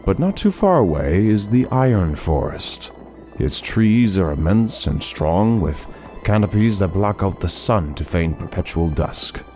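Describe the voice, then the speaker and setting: In a fantasy audio drama, a man with a fairly low, dark voice portrays a traveling scholar who is courteous, learned and melancholy. With music playing behind him, he tells his story in measured, formal, articulate phrases, sounding genial and instructive.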